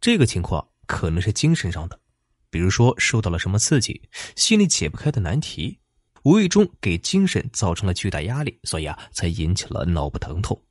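A serious male doctor explains his diagnosis in a measured, lowered voice, read by a man narrating. His tone is husky and close, with no room sound. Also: wildly swooping pitch, dry recording, heavily acted.

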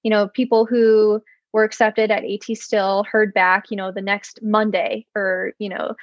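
A young woman in her early twenties, a physical therapy student, telling her story in a casual interview with animated quoted voices, fillers and laughs. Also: unhurried, dry recording. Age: early 20s. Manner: animated storytelling, acts out quotes with excited high pitch. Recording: dull lo-fi dry sound.

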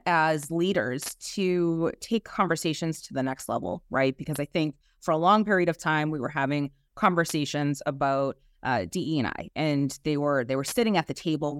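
A woman's voice: sits low, dry recording, studio quality. A woman with a Boston accent answering as an interview guest, conversational and emphatic, often ending her points with a questioning tag. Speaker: interview guest, human resources executive.

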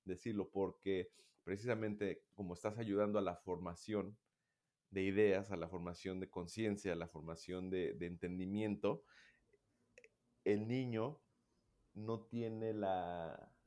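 A man who works in child welfare explains things in a casual conversation, acting out loud and hushed examples. His voice is low and steady, and he's unhurried.

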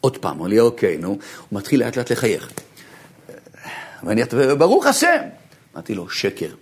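A man, a rabbi, giving an animated lecture full of stories, swinging from low murmurs to high bursts and laughing as he tells them. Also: breathy edge. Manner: laughs while telling stories.

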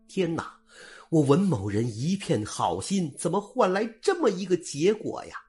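A man's voice: a little high, animated, a little slow, gravelly, faint music behind. A man voicing a kind, honest young scholar who pleads through tears. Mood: despairing. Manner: pleading, tearful.

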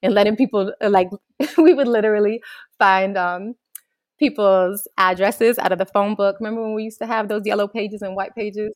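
A young adult woman answering an interview question, speaking earnestly in long, flowing thoughts that grow lively when she recalls childhood. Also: medium pitch, moderate pace, dry recording, studio quality. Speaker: guest, organizer.

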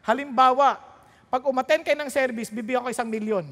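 A woman's voice: high-pitched, brisk, in a large hall. A woman pastor preaching a sermon, throwing rhetorical questions and jokes at the congregation while mixing Tagalog and English.

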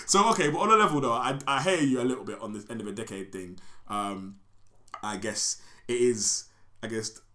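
A man's voice: mid-range voice, fairly quick, pushed and bright. A man co-hosting a casual podcast chat, teasing and joking with frequent laughter. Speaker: podcast co-host.

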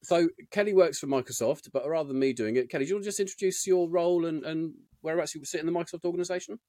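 A man's voice: fairly high pitch, racing, warm tone, no room sound, studio quality. A man hosting an interview podcast in a chatty, unscripted way, his diction slightly slurred and sticky-lipped. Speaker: podcast host, IT consultant.

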